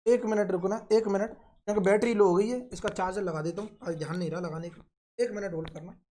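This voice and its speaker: A man's voice: high voice, fairly even intonation, mellow, a little hiss or hum. A man teaching engineering in a recorded online lecture, drawing out and repeating key phrases and asking and answering his own questions. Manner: slow, drawn-out repetition of key phrases. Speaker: engineering tutor.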